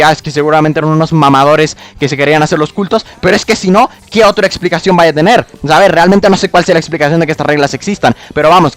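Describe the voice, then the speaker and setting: A man ranting about spelling rules, exasperated, mocking and full of swearing. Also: sits high. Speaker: video creator. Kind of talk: explanatory rant.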